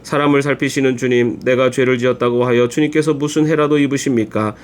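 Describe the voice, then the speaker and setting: A man reading a long scripture passage aloud for a church, in a steady, measured voice. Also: medium pitch. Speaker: church Bible reader.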